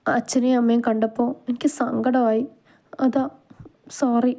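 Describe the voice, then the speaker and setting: A woman's voice: on the high side, flat delivery, moderate pace, warm tone, voice pushed up, close to an everyday voice. A woman voicing a sweet, childlike young bride in a storybook reading. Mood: pleading. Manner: pleading, childlike. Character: sweet young village bride, emotional and pleading.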